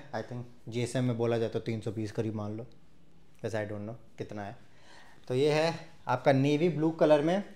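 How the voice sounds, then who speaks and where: A man's voice: mid-range voice, a little mellow. Chatty young man showing off clothes. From India. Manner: chatty, mixes Hindi and English, addresses viewers directly. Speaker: fashion vlogger. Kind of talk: casual haul video. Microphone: clip-on lapel mic.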